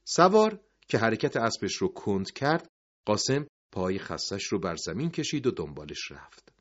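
A man narrating a dramatic story, dropping to hushed tones at the end of sentences. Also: on the low side, sing-song. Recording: dull lo-fi recording.

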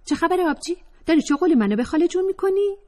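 A woman narrator voicing a brash young woman student who talks in a sassy, loud, mocking way. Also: very high-pitched, lively intonation, pitched above the performer's own voice. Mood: teasing.

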